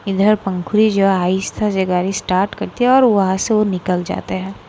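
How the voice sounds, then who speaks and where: A woman's voice: mid-range voice, fairly even intonation, moderate pace, mellow, a little hiss or hum. A woman from Bangladesh with a Bengali accent, narrating a serialized romance story in a casual, filler-heavy way.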